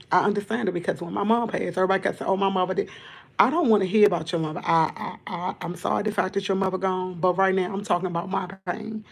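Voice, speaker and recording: A woman hosting a livestream, tearful and fighting back crying, talking in a halting, earnest way that keeps repeating itself. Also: medium pitch. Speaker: livestream host. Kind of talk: emotional livestream monologue. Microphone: camera.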